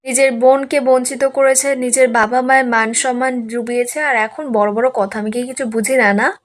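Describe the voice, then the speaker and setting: Woman doing an arrogant rich older man, blustering, contemptuous, higher voice. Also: fairly even intonation, normal speed, close to an everyday voice.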